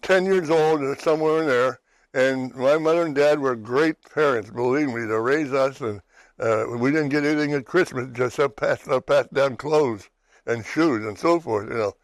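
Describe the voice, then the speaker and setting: A man's voice: medium pitch, normal speed, no echo, low-quality recording. Pennsylvania guy hosting a faith show, rambly, keeps restarting, dry sound. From western Pennsylvania, USA. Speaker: talk show host. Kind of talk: personal testimony chat.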